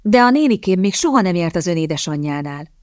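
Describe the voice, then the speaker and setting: A woman reading aloud as a quick-witted young lady with feigned polite innocence, in a storybook reading. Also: lowish voice, expressive, dry recording, studio quality, lightly acted. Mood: sly polite. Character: sharp-witted young woman hunting a rich husband.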